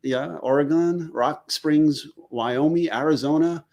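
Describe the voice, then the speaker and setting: Joking New man, slightly high voice. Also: measured pace, darkish tone, lo-fi sound. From New York. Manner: jokey, riffs on place names. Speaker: forensics guest. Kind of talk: casual live-stream chat.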